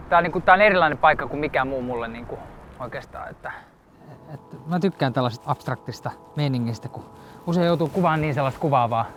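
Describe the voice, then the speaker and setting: A photographer from southeastern Finland talking casually on location outdoors, lively and quick to exclaim. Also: male voice, mid-range voice, a little hiss or hum. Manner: lively, exclaims while shooting. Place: outdoors in town.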